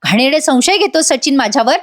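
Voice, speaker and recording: Woman voicing an outraged young wife, high and scolding. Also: lively intonation, brisk. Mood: indignant. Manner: indignant, scolding.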